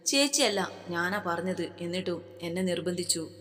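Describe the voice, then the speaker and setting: Pushy young nurse making threats, voiced by a woman reader, lowish voice in a long-echo room. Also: animated, normal speed, fairly bright tone. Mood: insistent.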